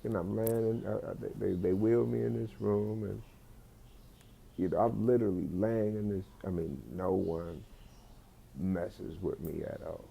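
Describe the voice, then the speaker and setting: A man's voice: on the low side, fairly even intonation, unhurried, gravelly, dark tone, slight background noise. A man telling a comic story in a rambling way, with many fillers and restarts. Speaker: comedic storyteller.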